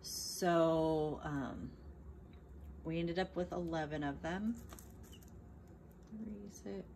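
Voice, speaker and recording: Behind a phone camera at home, a woman narrates casually about her chicks for her small farm vlog, plainspoken and chatty with frequent ums and restarts. She speaks extremely slowly in a lowish, slightly mellow voice with vocal fry, over slight background noise.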